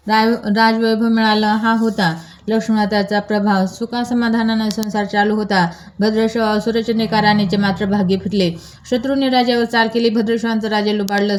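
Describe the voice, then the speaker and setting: A woman storyteller reading a devotional story in a steady, recited cadence. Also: fairly high pitch.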